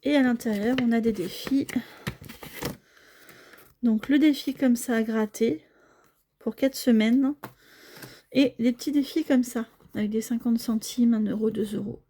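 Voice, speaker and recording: A woman's voice: a little high, a little slow, long pauses, warm tone, slight background noise. A woman talking casually as she fills cash envelopes at home, narrating each small task and often apologizing to her viewers, sometimes dropping to a near-whisper. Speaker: budgeting vlogger. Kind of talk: casual talk while filling cash envelopes.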